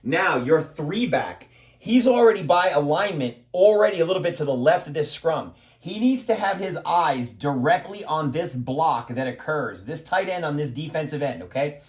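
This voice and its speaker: A man coaching football, breaking down a play step by step, emphatic and repeating himself, with a steady "okay?" after each point. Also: a little high, moderate pace. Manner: emphatic, repeats words while explaining.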